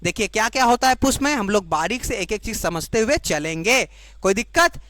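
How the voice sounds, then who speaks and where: Woman teacher repeating terms slowly. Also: medium pitch, animated, fairly bright tone, dry recording. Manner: repeats each term slowly, then asks checking questions; explains in Hindi, giving the English term for each. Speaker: biology teacher. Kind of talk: classroom lecture to board-exam students.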